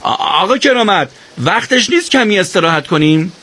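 A man doing an irritable shouting young soldier. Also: sits high, voice pushed up. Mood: pleading. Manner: shouting, exasperated.

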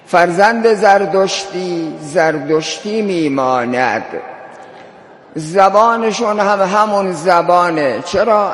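A man's voice: a little high, a little hiss or hum. A male cleric preaching emphatically at a ceremony, in a hall with long reverb. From South Khorasan, Iran. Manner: emphatic, rising to fervent preaching. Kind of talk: religious talk at a ceremony.

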